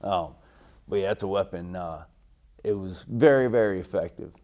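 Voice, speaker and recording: Middle-aged American male veteran, low relaxed voice, remembering service days in halting, courteous interview answers. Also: highs cut off. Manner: veteran remembering, halting recall with deferential politeness. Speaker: military veteran being interviewed. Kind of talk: oral history interview, recalling army service.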